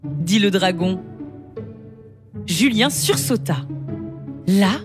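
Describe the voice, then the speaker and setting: A woman reading a children's story aloud in an expressive, lively way. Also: medium pitch, drawn-out words. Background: music.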